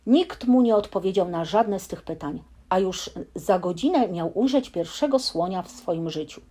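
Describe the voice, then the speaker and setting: Ekspresyjna lektorka bajek na dobranoc. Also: female voice, on the low side, normal speed. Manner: expressive, lively storytelling. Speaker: storyteller. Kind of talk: bedtime story reading.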